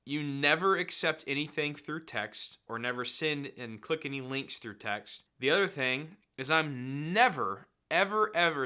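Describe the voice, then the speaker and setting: A man's voice: medium pitch, sharp tone, smooth. A man in his thirties giving blunt, casual commentary on clips, laughing often. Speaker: finance YouTuber reacting to clips. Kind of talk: casual commentary and sponsor read.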